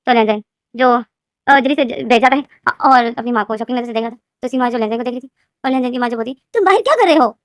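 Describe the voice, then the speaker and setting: A woman retells a story at a fast, rambling clip, circling back and repeating herself. Her voice sits a little high. The sound is dry and close, with no room echo. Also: level tone. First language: Hindi. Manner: rambling, repetitive. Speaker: fan fiction narrator.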